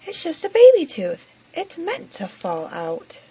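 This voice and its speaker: A woman voicing a patient, reassuring mother pig in a children's storybook, explaining things gently. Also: high voice, wildly swooping pitch, measured pace, voice pushed up, exaggerated voice, low-quality recording.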